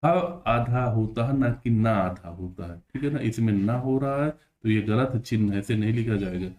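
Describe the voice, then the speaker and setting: A man teaching Hindi spelling for an exam, explaining each answer patiently and repeating words slowly, sometimes stretching them out syllable by syllable. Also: lowish voice, darkish tone. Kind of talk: exam-prep spelling lesson.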